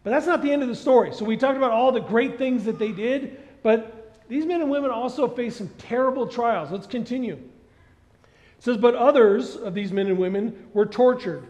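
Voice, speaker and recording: A middle-aged man preaching a sermon on a church stage, animated and asking the congregation questions. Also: extremely high pitch, normal speed. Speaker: pastor. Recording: dull sound with long hall reverb.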